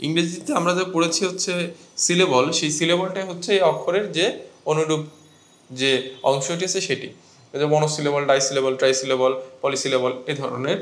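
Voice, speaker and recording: A man's voice: on the high side, steady tone, brisk, fairly bright tone, echoey room. A man teaching a grammar lesson to students, explaining step by step and asking them questions. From Bangladesh.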